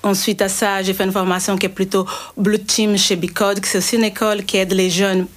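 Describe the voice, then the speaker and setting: A middle-aged woman from Brazil speaks with a Brazilian Portuguese accent as a guest on a radio interview. Her voice sits at an ordinary middle pitch. She explains things earnestly and often breaks off to restart a sentence. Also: level tone, brisk. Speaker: guest, cybersecurity consultant.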